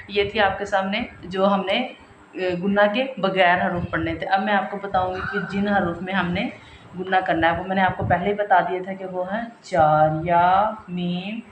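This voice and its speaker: A woman teaching a step-by-step recitation lesson, asking and answering her own questions and stretching each example out slowly. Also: mid-range voice, roomy sound, a little hiss or hum, low-quality recording. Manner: repeats examples slowly and drawn out.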